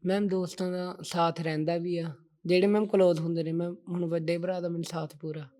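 A man's voice: on the high side, little pitch movement, a little fast, warm tone. A young man being interviewed about the poems he writes. He talks earnestly and addresses the interviewer as ma'am in almost every phrase. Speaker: interview guest, poetry writer. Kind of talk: casual interview talk.

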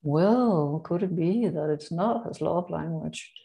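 A woman's voice: fairly low pitch, slow, vocal fry, mellow. A woman co-hosting a casual podcast chat, rambling and laughing as she corrects her own words. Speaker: co-host.

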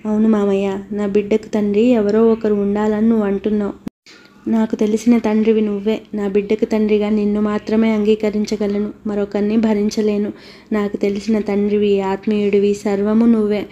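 A wistful young woman with a hidden secret, read by a woman narrator in an audiobook. Her voice stays almost level in pitch, with a mellow, darkish tone. She sounds soft and resigned. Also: completely flat delivery, fairly quick, highs cut off, lightly acted.

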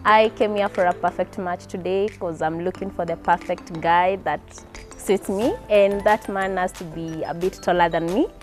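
A soft-spoken Kenyan woman in her twenties, politely questioning men on a dating show in a TV studio. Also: fairly low pitch, steady tone, normal speed, faint music behind. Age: 20s.

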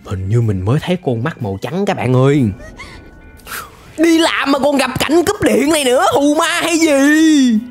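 Faint music sits behind this reaction video host, a young man with a southern Vietnamese accent. Speaking at a moderate pace in a very high voice with big pitch swings, he gives casual, playful, exclamatory commentary on a close desk mic with a headset.

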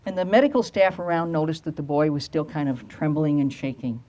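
An older woman pastor preaching a storytelling sermon outdoors at a lectern into a handheld mic, slowing down to stress key phrases. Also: low voice, dark tone, lo-fi sound. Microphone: handheld microphone.

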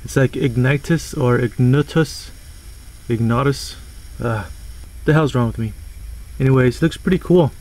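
A man's voice: mid-range voice, a little fast, a little mellow, low-quality recording. A man doing a casual toy review, rambling loosely, tripping over words and swearing offhand.

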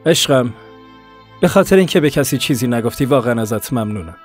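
A man's voice: mid-range voice, lively intonation, soft background music, lightly acted. A man voicing a harried young husband who pleads with his mother in a dubbed TV drama. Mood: tender. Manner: pleading, defensive.

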